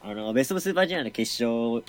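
A man's voice: medium pitch, animated, very fast, soft background music. A man co-hosting a podcast, telling stories in a chatty, easygoing way. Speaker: podcast co-host. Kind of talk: casual podcast chat.

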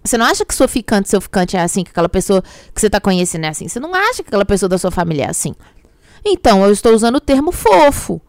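A woman with a Brazilian Portuguese accent, a belief coach speaking candidly to her audience about relationships, emphatic and expressive. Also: mid-range voice, rapid-fire, dry recording, clean studio sound. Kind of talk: candid direct-to-camera relationship talk.

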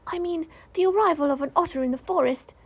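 Woman voicing a squeaky, timid little piglet. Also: fast talker, gravelly. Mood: pensive, unsure. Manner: squeaky, hesitant, earnest. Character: small, timid, eager young male piglet. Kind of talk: children's storybook character voice.

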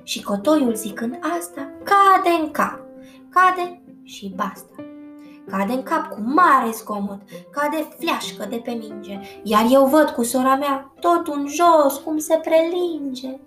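A woman reading a rhyming children's story aloud in a lively, rhythmic way, in an echoey room with faint guitar music. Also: high-pitched, few pauses, distant mic.

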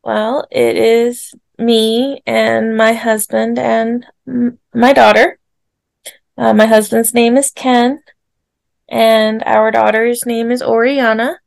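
A woman in her forties telling a personal story on a podcast, animated and laughing often as she acts out what people said. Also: a little high, slow, gravelly, no echo. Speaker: podcast guest. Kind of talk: casual storytelling.

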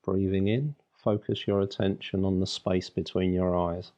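In a low, warm voice with fairly even intonation, a man leads a guided meditation. He offers soothing, unhurried instructions in short phrases broken by long pauses, and the recording sounds slightly dull.

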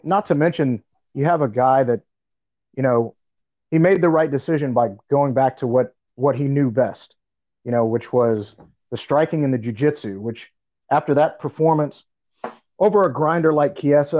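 A man's voice: mid-range voice, moderate pace, dark tone, highs cut off. A man co-hosting a podcast, chatting casually and conversationally about fights. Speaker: podcast co-host. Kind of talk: casual sports chat.

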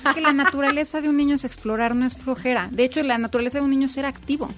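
A woman's voice: sits high, fairly even intonation, very fast. A woman, a child development specialist, explaining emphatically in a casual conversation. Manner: explanatory, emphatic, quotes parents in raised voice. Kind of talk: casual expert chat.

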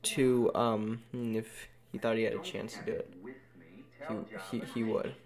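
A man's voice: on the low side, level tone, measured pace, a crowd in the background. A man chatting casually through a film commentary, rambling and correcting himself as he talks, recorded in an echoey room without carpeting. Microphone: headphones while recording.

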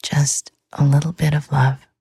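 Slow, soft-whispering woman, breathy and dark. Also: sits low, little pitch movement, no echo, studio quality. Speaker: sleep podcast host. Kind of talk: whispered ASMR sleep talk.

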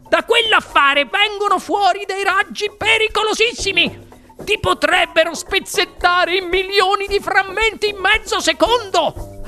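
A man reading an audiobook, voicing an eccentric male chocolate-factory owner who shouts theatrical, commanding exclamations. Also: extremely high pitch, pitched above the performer's own voice, full character voice.

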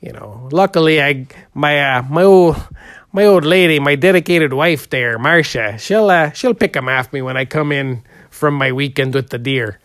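A man's voice: on the high side, moderate pace, fairly bright tone, no echo, clean studio sound. A man playing a goofy, heavyset portrait painter in an improvised comedy interview, drawling and rambling with lots of "uh" and "there".

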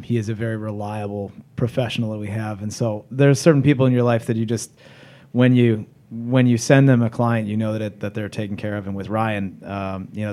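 A man's voice: on the low side, warm tone. A man hosting a podcast, talking in a casual, conversational style. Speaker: podcast host.

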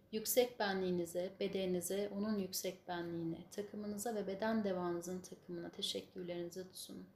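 A woman with a mid-range voice guides a spiritual healing meditation. She gives instructions and prayers in measured, solemn phrases. The room is echoey, with faint noise behind her. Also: mid-range voice, darkish tone. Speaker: spiritual healing session leader.

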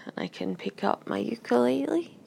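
A woman in a meandering, casual personal chat, low-key and sighing, often trailing toward a whisper, lying down with the mic on her chest. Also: expressive, normal speed, creaky, a little mellow, a little hiss or hum. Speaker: host of a personal audio diary. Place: bedroom, lying on a bed. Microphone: phone resting on the chest.

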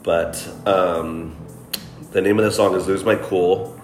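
A man with a very deep voice presents songs in a relaxed, halting way. He sounds set back from the mic in an echoey room, with faint music under him. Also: far from the mic. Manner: hesitant, many fillers. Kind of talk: casual chat.

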